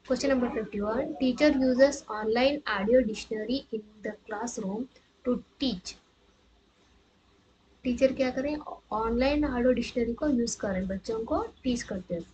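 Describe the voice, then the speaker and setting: High-voiced woman teacher, exam walkthrough. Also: darkish tone, muffled recording, a little hiss or hum. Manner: reads English options slowly, explains rapidly in between. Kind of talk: exam answer-key walkthrough.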